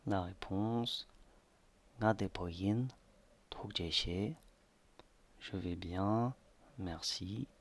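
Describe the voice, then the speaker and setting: A man narrating a slideshow language lesson slowly, with many hesitations. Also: deep voice. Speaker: language teacher.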